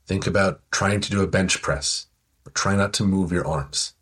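A man slowly guiding a listener through a progressive muscle relaxation exercise with soothing, calm instructions. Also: sits low, husky. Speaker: relaxation guide.

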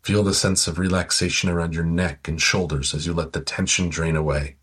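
A man slowly guiding a listener through a progressive muscle relaxation exercise with soothing, calm instructions. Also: low voice, husky. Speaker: relaxation guide.

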